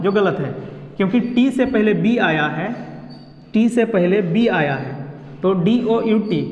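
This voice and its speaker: A man teaching an online English pronunciation lesson, explaining slowly and repeating each point step by step. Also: high voice. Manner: slow and repetitive, explaining step by step. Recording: echoey room, dull lo-fi sound.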